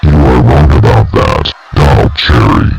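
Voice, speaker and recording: A man voicing a menacing male high demon who makes loud, threatening proclamations. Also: measured pace, creaky, slightly rough, no echo, soft background music, a faint crowd, exaggerated voice.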